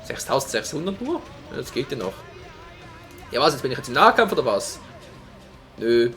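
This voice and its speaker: A man giving live gameplay commentary, joking around and breaking into sudden shouts. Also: mid-range voice, moderate pace, soft background music. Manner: excitable, jokey, prone to sudden shouts. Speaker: let's play commentator.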